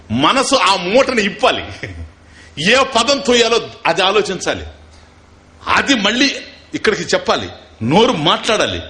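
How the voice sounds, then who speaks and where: A man's voice: fairly high pitch, sharp tone. A man teaching as a spiritual teacher in a scripture discourse, asking his listeners rhetorical questions and chanting verses.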